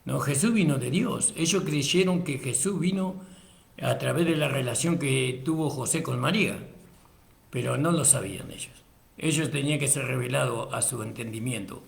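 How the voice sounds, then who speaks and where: A man preaching a sermon, reading scripture aloud and calling his listeners brother, lifting his voice for emphasis and then dropping low. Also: normal speed, creaky, echoey room. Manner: addresses listeners as brother, frequent praise interjections.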